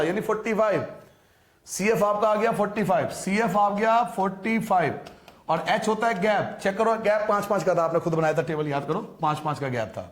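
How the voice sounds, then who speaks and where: A male maths teacher with a high, light voice talks his class through each step, repeating numbers and checking that they follow. He asks questions and answers them himself. The sound echoes around the room. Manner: patient, repetitive explaining, addresses students as beta; rhetorical questions to students. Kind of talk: recorded classroom lesson.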